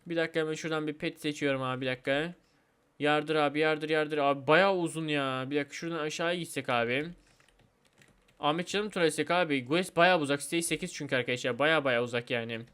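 A man hosting a let's play video, chatty and excitable, talking straight to his viewers and gleefully trolling other players. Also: fairly high pitch, clean tone. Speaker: gaming video host.

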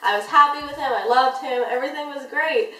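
A woman's voice: high-pitched, brisk, a bit bright, recorded from a distance. Chatty young woman, echoey off-mic room. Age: young adult. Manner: chatty, rambling, heavy use of "like". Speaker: vlogger. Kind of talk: casual storytime chat.

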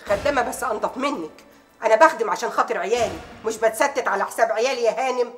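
Actress as a brash proverb-spouting Egyptian maid. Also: female voice, medium pitch, rapid-fire, faint music behind, lightly acted. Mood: indignant. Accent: Egyptian Arabic. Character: bold sharp-tongued Egyptian housemaid, woman, middle-aged. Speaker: housemaid confronting her employer's rival. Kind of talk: TV drama acting.

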